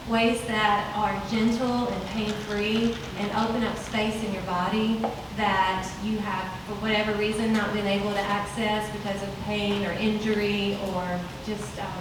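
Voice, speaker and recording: Forties woman from West Tennessee, explanatory panelist, recorded far off in a noisy, echoey space. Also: mid-range voice. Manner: explanatory, flowing. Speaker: fascial stretch specialist on a panel. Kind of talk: panel introduction. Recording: very echoey room, distant mic, noisy.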